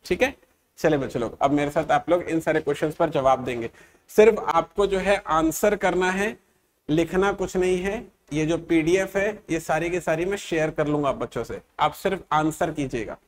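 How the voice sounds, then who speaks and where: A man teaching an exam-prep English grammar lesson, sounding out letters and words slowly and checking often that his students follow. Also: on the high side.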